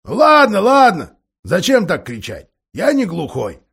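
A man's voice: high-pitched, huge pitch swings, measured pace, vocal fry, fairly bright tone, husky, pitched above the performer's own voice, full character voice. A man voicing a grumpy, half-deaf old male dwarf lord who grumbles and mishears words.

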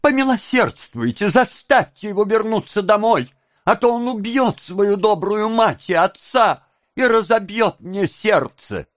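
A man voicing a hysterical young woman who wails and pleads loudly in shrill exclamations. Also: lively intonation, measured pace, no room sound, clean studio sound. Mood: pleading.

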